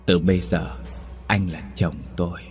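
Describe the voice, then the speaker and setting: A man's voice: deep voice, level tone, unhurried, a little mellow, faint music behind. A man doing a possessive female ghost. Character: vengeful young female ghost.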